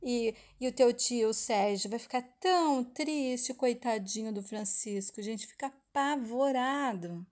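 A scheming woman with a Brazilian Portuguese accent, read out by a woman recapping a soap opera, talks a small child around. She is insistent and persuasive and leans hard on key words. Her voice sits fairly high. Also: a little slow, few pauses, darkish tone, close to an everyday voice. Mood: coaxing. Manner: insistent, persuasive, dramatic stresses.

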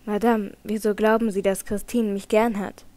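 A woman's voice: mid-range voice, level tone, normal speed, mellow, lightly acted. A woman voicing an anxious young nobleman in an audiobook, asking urgent, distressed questions. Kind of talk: audiobook character reading.

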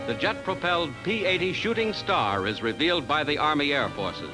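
A man's voice: a little high, very animated, normal speed, over music. A man narrating an old newsreel from the 1940s with an emphatic announcer's delivery. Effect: old newsreel sound.

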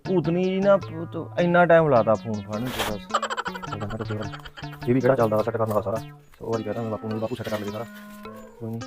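A man's voice: on the low side, fast, over music, close to an everyday voice. A young man playing a nervous village youth who stammers and pleads in a panic. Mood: fretting.

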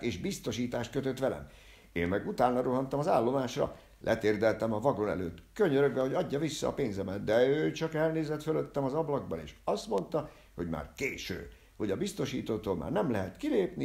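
A man voicing an agitated, ranting male character in an audiobook, shouting frantically. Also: mid-range voice, creaky, echoey room, voice pushed up.

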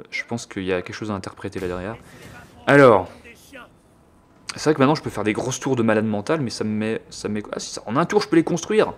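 Crude joking gaming commentator. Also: male voice, on the low side. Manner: crude, joking, thinks aloud. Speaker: gameplay commentator. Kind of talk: casual let's-play commentary.

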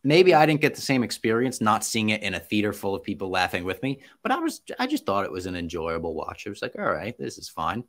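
A young man hosting a podcast from a home room over a video call with a headset. His voice sits fairly low. He reviews movies in a loose, chatty way, full of "like" and "um.". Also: very animated, quick pace, hardly any pauses, fairly bright tone. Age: young adult. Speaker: podcast host. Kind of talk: casual podcast chat.

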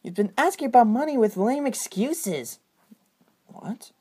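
Brief: woman voicing toys, husky, animated, many voices. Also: a little high, a little slow. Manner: shifts between many character voices. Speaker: toy story performer. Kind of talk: home-made toy story voicing.

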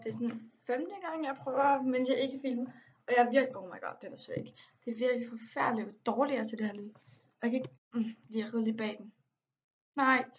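A young woman giving casual gameplay commentary, excitable and quick to exclaim and complain, with English slang mixed in. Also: on the high side, lo-fi sound. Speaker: gaming vlogger.

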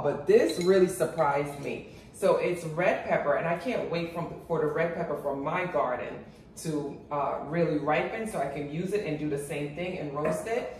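A woman's voice: low-pitched, darkish tone. A woman chatting casually to her viewers in a vlog about her patio garden and kitchen. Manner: chatty, addresses viewers as guys. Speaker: cooking and gardening vlogger. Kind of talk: casual chat to camera. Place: outdoor high-rise patio, then home kitchen. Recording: echoey, mic at a distance, noisy.

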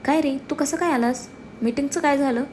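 An incredulous young male friend, as a woman storyteller puts him on, with his pitch pushed up. He fires off disbelieving questions. A faint hiss is underneath. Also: a little fast, a little mellow, lightly acted.

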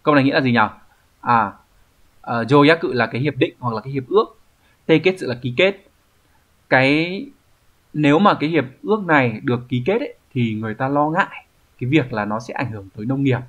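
Thầy giáo nam giảng bài đều đều, tiếng hơi đục. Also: male voice, mid-range voice, a little fast, fairly bright tone, lo-fi sound. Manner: explanatory, asks rhetorical checks like "right?". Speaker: Japanese language teacher. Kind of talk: explaining exam answers.

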